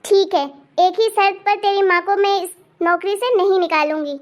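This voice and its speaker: A woman voicing a haughty old grandmother in an animated cartoon, scolding harshly and with contempt. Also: very high-pitched, normal speed.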